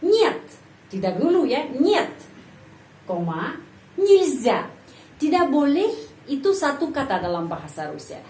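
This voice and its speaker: A woman's voice: sits high, very animated, fairly quick, a little mellow. A woman giving a language lesson, explaining patiently and repeating example phrases. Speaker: language teacher. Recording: echoey room, voice from off-mic.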